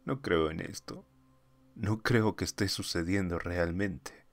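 A man's voice: deep voice, takes it slowly, no room sound. A man voicing a panicked male astronaut adrift in space, who whimpers desperately and repeats himself. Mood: despairing.

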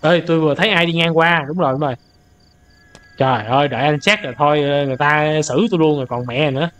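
A man's voice: a little high, fast talker. Jumpy young male game streamer. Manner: jumpy, loud startled outbursts, reads in-game English aloud and translates. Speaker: gaming streamer. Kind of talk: let's play commentary.

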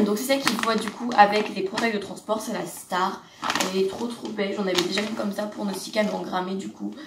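A woman's voice: mid-range voice, steady tone, brisk, recorded from a distance, very noisy. A teenage girl from France chatting in a casual haul vlog in her bedroom, gushing and filling her talk with fillers and restarts. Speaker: vlogger. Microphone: camera across the room. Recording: roomy bedroom sound from off-mic.

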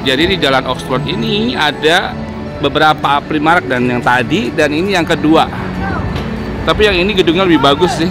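A man's voice: on the high side, lively intonation, moderate pace. A man in his forties giving casual walking-tour commentary on a handheld phone, pointing things out as he walks along a city street at night. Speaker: vlogger. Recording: street crowd noise and music.

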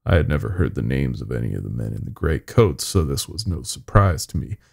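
In a very low, gravelly voice, a man narrates a horror story in the first person. He comes across as weary and folksy, his delivery rising and falling dramatically with big pitch swings. He speaks fairly quickly, with a darkish tone.

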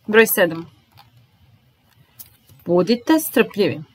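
A woman teaching a language lesson, slowly repeating each phrase and then explaining it. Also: mid-range voice, big pitch swings, a little mellow, breathy edge, rough recording. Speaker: German teacher.

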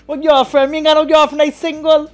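A man's voice: very high-pitched, level tone, fast talker, soft background music. A man with a Guyanese accent chatting casually and jokingly on a podcast. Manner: laid-back, joking, creole-tinged. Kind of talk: casual chat.

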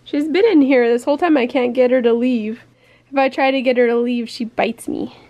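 A woman's voice: a little high, steady tone, a little fast, mellow. A middle-aged woman, a mother and vlogger, chatting casually and playfully while filming around her farm home. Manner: chatty, playful, laughs often. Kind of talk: casual family vlog chat.

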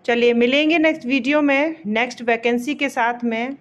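A woman explaining a job vacancy notice in a casual walkthrough, pausing on fillers and reading official names slowly. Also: a little high, steady tone. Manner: explanatory, repeats fillers and pauses mid-phrase; reads English names slowly, word by word.

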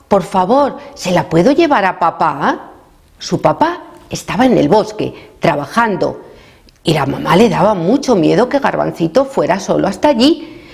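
A woman with a Spain Spanish accent reading a children's story aloud, animated and speaking straight to young listeners. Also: on the low side, creaky.

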